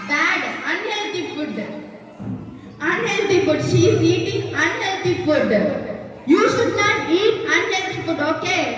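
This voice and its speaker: A woman teacher with a Tamil accent, talking to young children in a classroom and asking them simple repeated questions. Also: very high-pitched. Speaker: school teacher. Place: school classroom. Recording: echoey room, far from mic, faint noise.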